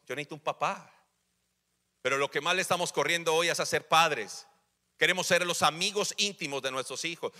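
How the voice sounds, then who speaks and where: A man's voice: fairly high pitch, sharp tone. A man in his forties preaching a sermon in a church, acting out little family dialogues with humor. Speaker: pastor. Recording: church hall reverb.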